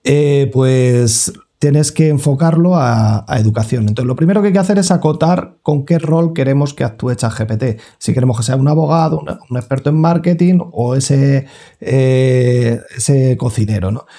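A man, a guest educator explaining step by step on a podcast, lively with many "eh" fillers. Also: medium pitch, moderate pace.

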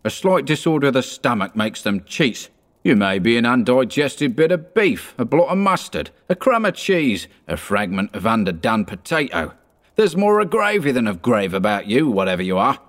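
A man's voice: medium pitch, big pitch swings, normal speed, close to an everyday voice. A man doing a caustic old miser. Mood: scoffing. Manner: sharp, scoffing. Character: caustic cold old male miser, scared but scoffing.

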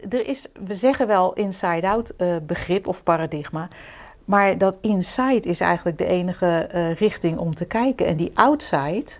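A woman's voice: fairly low pitch, normal speed. A woman talking in a casual, reflective way as a podcast co-host, with hesitant restarts and easy laughter.

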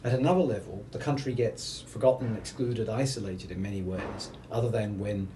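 A middle-aged man interviewing in an academic setting, speaking in an erudite, professorial way with long, measured sentences. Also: lowish voice. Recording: distant mic with faint background noise.

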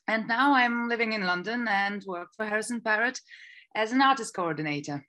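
A woman's voice: on the high side, a little fast, sharp tone. A young woman from Poland, answering interview questions hesitantly, with many ums and restarts. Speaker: guest, artist coordinator.

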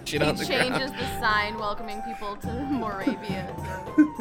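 A woman's voice: mid-range voice, measured pace, loud music behind the voice. A woman playing a tabletop game, chatting casually with the group. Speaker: player.

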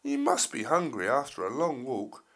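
A man voicing a small, gentle, nervous male pink elephant in a children's story, speaking meekly in a raised voice. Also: medium pitch, huge pitch swings, normal speed, vocal fry, voice pushed up, heavily acted. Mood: meek worried. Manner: meek and pleading.

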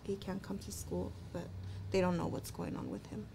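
A woman, a parent, telling a personal account in an interview, halting and repeating words. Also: on the low side, very animated, creaky, warm tone. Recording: noisy background.

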